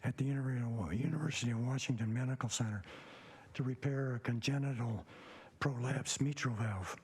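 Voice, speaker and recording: A man in his seventies with a hoarse, raspy, papery near-whisper, giving a prepared self-introduction in a halting, measured way. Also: mid-range voice, darkish tone. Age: 70s. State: hoarse, recovering voice after a throat tube. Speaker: commission member.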